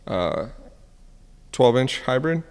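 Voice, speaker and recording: A man, co-hosting a casual podcast chat, relaxed and quick to laugh. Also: medium pitch, clear, resonant tone, in a large hall. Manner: laughs often, relaxed and joking. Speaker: podcast co-host.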